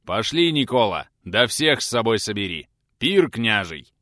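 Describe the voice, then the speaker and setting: A stern grand prince of old Rus' barks orders in a booming, gruff voice, as a male narrator plays him. His pitch swings widely as he commands, and the sound is dry and close, with no room around it. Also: sing-song, unhurried, sharp tone, no echo, full character voice. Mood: commanding. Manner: booming, gruff, archaic speech.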